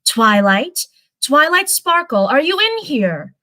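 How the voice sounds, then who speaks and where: A woman voicing a calm, regal and soothing princess mentor in a storybook reading. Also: sits high, slow pace, dry recording, clean studio sound, voice pushed up, heavily acted. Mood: concerned. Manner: composed, gentle.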